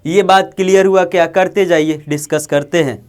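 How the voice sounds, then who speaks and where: A man's voice: high-pitched, steady tone, moderate pace, clear, resonant tone. A man from India with a Bihari Hindi accent, teaching an online maths lecture, who repeats himself and keeps asking the class if they follow. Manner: repetitive, coaxing, asks the class often.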